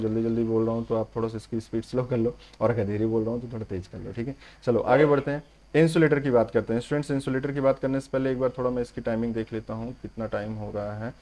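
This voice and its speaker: A man's voice: medium pitch, steady tone, very fast, warm tone. A man teaching electrician trade theory in a lecture, often checking "okay?" with the students and telling them to listen carefully. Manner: repeats "theek hai" and addresses "students" constantly; explains step by step, urges listeners to pay attention. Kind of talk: Hindi classroom-style lecture.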